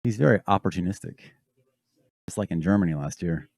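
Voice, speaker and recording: A man's voice: low-pitched, expressive, a little fast, gravelly, a little mellow, no echo. A man co-hosting a casual race-watching chat, blunt and sardonic, swearing now and then. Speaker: podcast co-host.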